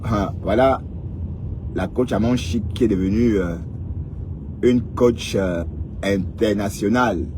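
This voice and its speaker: A man's voice: fairly low pitch, takes it slowly, long pauses, noisy background. A man in his fifties giving lecturing advice in a casual vlog monologue, repeating points and prodding listeners with "hein?". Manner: lecturing, repetitive, frequent "hein?". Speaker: vlogger.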